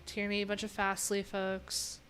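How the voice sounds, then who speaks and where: Music plays in the small, cluttered room where a middle-aged developer hosts her livestream, chatting casually while browsing and rambling candidly as she thinks aloud. She speaks in a monotone at normal speed, medium-pitched and a bit bright, with a little hiss or hum.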